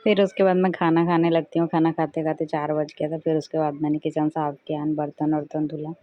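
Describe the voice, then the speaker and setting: A young woman talks through her day in a relaxed, chatty voice-over. Her delivery stays fairly level and low-set, and the recording sounds dull and lo-fi. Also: a little fast, no room sound. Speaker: vlogger. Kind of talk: casual vlog voice-over.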